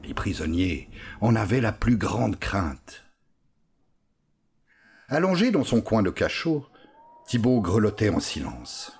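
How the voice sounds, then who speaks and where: Man, storybook narrator, lively intonation, lowish voice. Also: takes it slowly, gravelly, pauses often, slight background noise.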